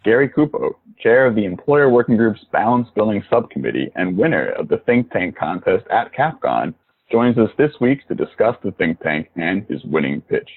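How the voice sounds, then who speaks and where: Give me a male host with a lively pitch, reading questions over a tinny, low-quality stream. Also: normal speed, gravelly, breathy edge. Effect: low-quality remote audio stream. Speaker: podcast host. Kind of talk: reading a scripted introduction and interview questions. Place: recording from his own home.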